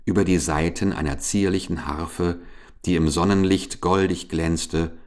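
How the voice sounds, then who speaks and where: A man narrating a children's fairy tale in a calm, measured storytelling manner. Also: deep voice. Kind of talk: fairy-tale audiobook reading.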